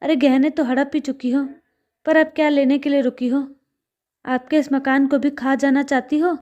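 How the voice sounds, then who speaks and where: A woman voicing a greedy married woman who loudly accuses her sister-in-law. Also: high voice, flat delivery, moderate pace, highs cut off, lightly acted. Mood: accusing. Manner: accusing, loud.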